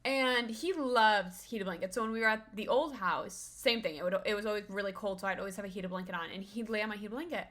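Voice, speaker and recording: Young female streamer, bright voice, chatty and rambling, coos to her pet. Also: medium pitch, fast, hardly any pauses. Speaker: livestreamer. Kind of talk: casual live-stream chat. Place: her own cold room at home.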